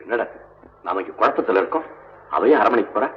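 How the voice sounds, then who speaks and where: An actor playing a proud, indignant musician, quick to anger in old film dialogue. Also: male voice, on the low side, animated, lo-fi sound, soft background music, natural voice. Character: proud, hot-tempered male musician. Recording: echoey old film soundtrack.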